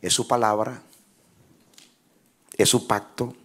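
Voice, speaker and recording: A man preaching a sermon as pastor, who leads his congregation in call-and-response and rises into shouted, half-sung phrases. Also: medium pitch, level tone, slow, slightly rough. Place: church with congregation.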